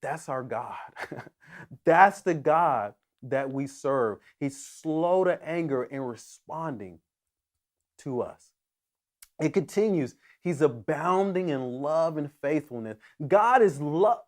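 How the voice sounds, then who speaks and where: A man preaching a sermon as pastor, earnest and emphatic, often restarting his phrases as he builds toward a point. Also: fairly high pitch.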